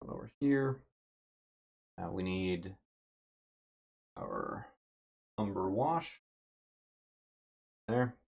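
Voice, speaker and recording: A man livestreaming as he paints a miniature, thinking aloud in a relaxed way with lots of fillers, his throat a bit dry and rough. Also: deep voice, extremely slow, pauses often, dull audio. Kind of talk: casual livestream chat. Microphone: desk mic with noise gate.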